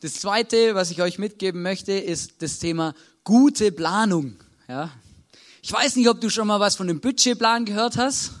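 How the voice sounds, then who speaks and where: High-voiced Austrian preacher, chatty. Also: male voice, normal speed. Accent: Austrian German. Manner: conversational, tags nearly every sentence with a question to the listeners. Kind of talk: sermon.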